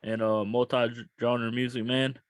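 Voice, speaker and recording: A man's voice: mid-range voice, level tone, unhurried, no echo. A man hosting a podcast, laid-back, thanking his guest and asking simple questions. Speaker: podcast host. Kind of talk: casual podcast interview.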